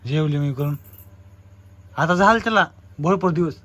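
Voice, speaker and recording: A young man speaks, and his voice sits high and bright. He coaxes gently, asking the same questions over and over. It is casual home-vlog talk. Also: normal speed, muffled recording. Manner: gently coaxing, asks again and again. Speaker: husband and vlogger.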